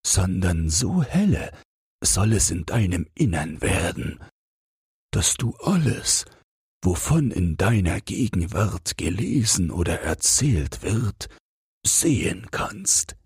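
A man's voice: deep voice, sing-song, takes it slowly, darkish tone, slightly rough, no room sound, studio quality, exaggerated voice. A man voicing the wind in a fairy tale, commanding and lecturing. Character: the wind, a bossy kindly old elemental.

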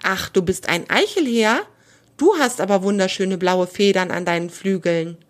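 A woman voicing a small, excitable male squirrel in a children's storybook reading. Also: mid-range voice, normal speed, natural voice. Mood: surprised.

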